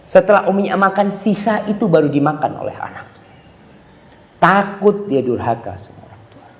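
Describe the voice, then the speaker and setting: A man preaching a sermon, telling stories with lively acted-out voices. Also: high-pitched, normal speed. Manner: animated storytelling, acting out mother and child. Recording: echoey hall with long reverb.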